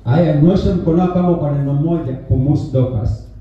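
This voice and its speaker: A man interpreting a sermon live in a church hall, restarting words quickly as he translates. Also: a little high. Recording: echoey hall, distant and dull.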